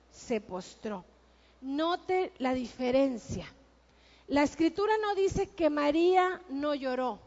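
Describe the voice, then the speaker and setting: A woman pastor preaching a sermon in a church, with slow, emphatic repetition that rises to shouts. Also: high-pitched, long reverb tail, highs cut off. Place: church sanctuary.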